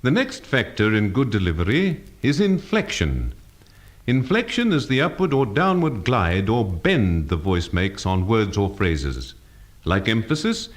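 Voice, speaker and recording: A man giving a scripted speech-training lesson, precise and measured, acting out example phrases. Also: lowish voice. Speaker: elocution teacher.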